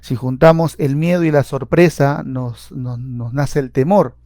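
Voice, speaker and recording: With a mellow mid-range voice and a measured pace, a man who is a clinical psychologist and seminar speaker explains his material step by step, often saying "eh" and repeating words. The recording is dry and of studio quality.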